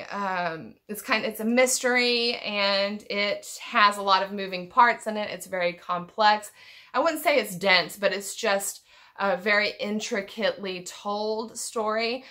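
Surrounded by packed bookshelves at home, a woman in her thirties does an unscripted book tag vlog. Her medium-pitched voice sounds pushed and bright and goes a little slow. She rambles thoughtfully, frequently starting sentences over.

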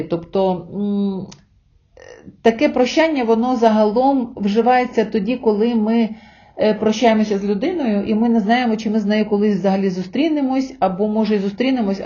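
A woman giving a spoken language lesson, often calling her listeners friends and saying example words slowly and carefully. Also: mid-range voice, warm tone, dull audio. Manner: addresses listeners as friends, with hesitation fillers. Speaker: Spanish language teacher.

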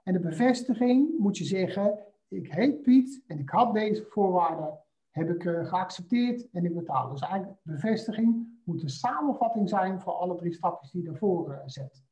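A man presenting a screen-share software walkthrough, talking hesitantly with frequent filler sounds. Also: high-pitched, animated, moderate pace. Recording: slightly dull lo-fi audio.

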